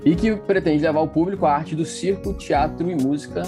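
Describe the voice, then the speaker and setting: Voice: medium pitch, a little fast. Explanatory interviewee over guitar music.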